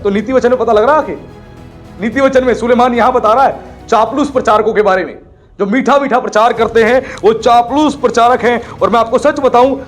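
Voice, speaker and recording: High-voiced impassioned pastor. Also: male voice. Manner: impassioned preaching, mimics the people he describes. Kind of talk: sermon.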